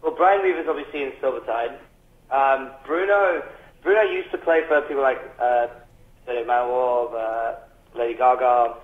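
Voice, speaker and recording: A man's voice: medium pitch, normal speed. A man on speakerphone during a phone interview, dropping short, dry wisecracks. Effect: on speakerphone over a phone call. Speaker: band member interviewed by phone. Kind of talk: casual joking chat. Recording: roomy, muffled speakerphone line.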